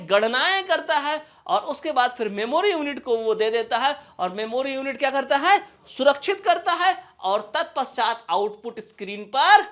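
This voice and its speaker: A male computer teacher leads a video lesson. He explains things playfully with homely comparisons and keeps firing quick "any confusion?" questions at his students. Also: extremely high pitch, a bit bright. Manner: keeps checking for understanding with quick rhetorical questions. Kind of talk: classroom-style video lesson.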